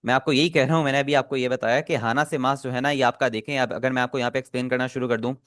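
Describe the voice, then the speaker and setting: A man teaching Japanese in an online class, who patiently repeats phrases and says the Japanese words slowly for students to copy. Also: medium pitch, fairly even intonation, fairly bright tone, no room sound, clean studio sound.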